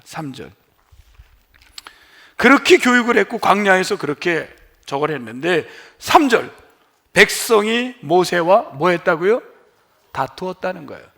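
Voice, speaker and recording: A middle-aged man preaching in church as the pastor. He asks his congregation questions and answers them himself, and his voice drops low and quiet at the end of emphatic phrases. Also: gravelly. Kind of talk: sermon. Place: church sanctuary.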